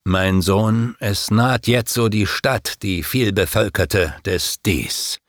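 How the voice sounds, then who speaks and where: A man voicing a wise, calm older guide who speaks in a solemn, measured way. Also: on the low side, no room sound, studio quality.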